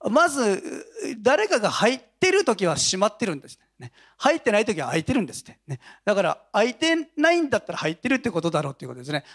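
Lively high-voiced male pastor. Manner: animated storytelling with frequent chuckles. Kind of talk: conversational sermon.

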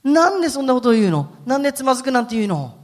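Hurt loyal disciple guy that a preacher puts on, high strained voice, pleading why why why, long echo in the hall. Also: big pitch swings, racing. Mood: indignant. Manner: indignant, pleading questions. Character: impassioned devoted male disciple, protesting.

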